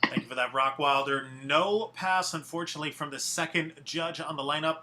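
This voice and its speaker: A man hosting a live online showcase, upbeat and brisk like an announcer. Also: on the high side, pushed and bright. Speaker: showcase host.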